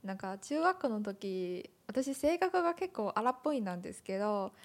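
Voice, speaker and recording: A woman hosting a casual chat, a non-native speaker whose first language is Chinese, speaking politely and thoughtfully with gentle backchannels. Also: mid-range voice, sing-song, moderate pace. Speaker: host.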